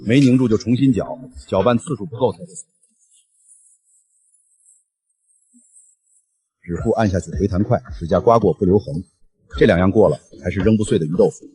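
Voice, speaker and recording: A man playing a steady, practical imperial master chef who gives terse instructions in a comic short drama. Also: fairly low pitch, fast talker, close to an everyday voice, rough recording. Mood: matter-of-fact.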